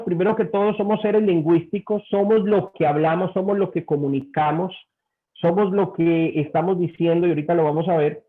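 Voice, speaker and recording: A male pastor teaches his congregation, telling lively anecdotes and putting on the voices of the people in them. His voice sits a little high for a man. The sound is thin and tinny, as if carried over a phone line. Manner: animated storyteller, acts out quoted voices. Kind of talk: sermon-style teaching.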